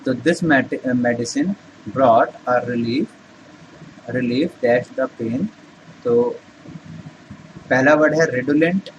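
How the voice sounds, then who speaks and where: A man's voice: mid-range voice, noisy background. A man teaching English vocabulary in Hindi, explaining step by step and answering his own rhetorical questions. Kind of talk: Hindi vocabulary lesson with memory tricks.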